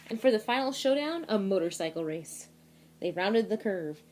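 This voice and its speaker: A woman teacher reading a picture book aloud to her students, expressive, pausing to explain words. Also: mid-range voice, slight background noise.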